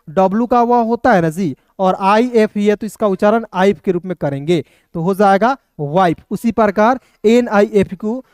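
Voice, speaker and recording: A man's voice: high-pitched, darkish tone, clean tone, dry recording, clean studio sound. A man teaching English pronunciation in an online video lesson, spelling words out letter by letter and repeating each one to his viewers. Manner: repetitive, addresses viewers as friends, spells out letters slowly.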